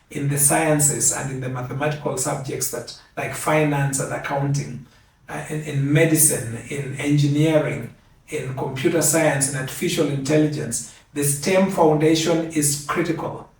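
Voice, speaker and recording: An older man from Kenya giving a measured, earnest acceptance speech, repeating key phrases for emphasis. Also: a little high. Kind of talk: formal speech. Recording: very echoey, from a distance.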